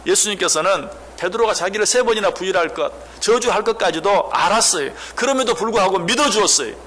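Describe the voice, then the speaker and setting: A man's voice: high-pitched, lively intonation, fast talker, sharp tone. A man preaching a sermon as a pastor, questioning the congregation and acting out quoted speech. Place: church.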